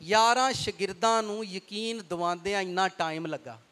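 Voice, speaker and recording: A pastor with a Punjabi accent preaching a lively sermon, dropping into folksy Punjabi asides. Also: male voice, high-pitched, normal speed. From Pakistan.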